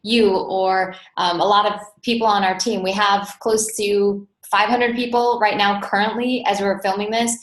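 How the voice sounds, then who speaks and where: Chatty and enthusiastic, this North Dakota woman hosts an informal webinar as host and team coach, speaking over an online call from indoors. Her mid-range voice keeps fairly even intonation at a moderate pace with few pauses, and the room adds echo.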